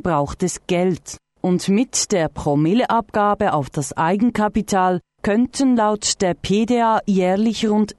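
A woman reading a scripted radio news report in a measured, clear way. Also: on the low side, mellow, no echo, clean studio sound.

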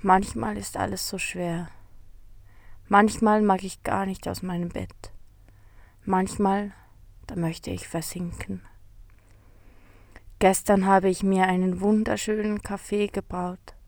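A woman voicing a sad little male beetle in a storybook, talking in a soft, weepy, sighing way. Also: medium pitch, level tone, moderate pace, few pauses, no room sound, natural voice. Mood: sorrowful.

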